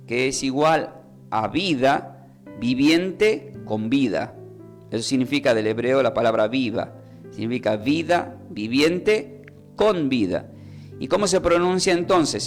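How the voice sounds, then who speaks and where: Male preacher, mid-pitched, teacherly radio Bible lesson, faint music under the voice. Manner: teacherly, asks and answers own questions; repeats words slowly when explaining.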